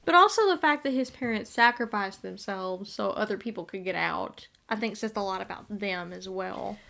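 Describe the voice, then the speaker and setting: A woman co-hosts a relaxed fan podcast, talking with a bright, clear tone. She laughs easily and acts out quoted lines as she goes. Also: mid-range voice, normal speed. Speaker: podcast co-host. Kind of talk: casual fan chat.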